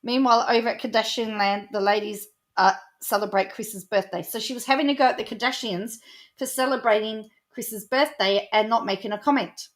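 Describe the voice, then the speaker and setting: A woman's voice: fairly high pitch, a little fast. An Australian woman vlogger giving casual commentary, thinking aloud with fillers as she goes through posts.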